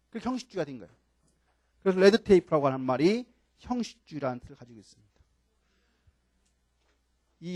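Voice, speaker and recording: An older man with a high voice lectures a class as a professor, keeping it lively with questions to his students and repeated key words. The sound is dry and close, with little room echo. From Chungcheong, Korea.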